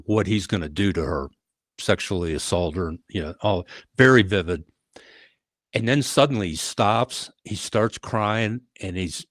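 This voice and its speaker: Older man, low voice, dry close podcast sound, rambling storyteller with uh fillers. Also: no echo. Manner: animated storyteller with frequent uh fillers and restarts. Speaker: retired police leader, podcast guest. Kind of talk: conversational storytelling.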